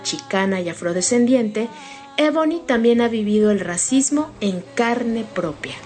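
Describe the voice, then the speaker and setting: A woman reading scripted documentary narration in a calm, even way. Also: medium pitch.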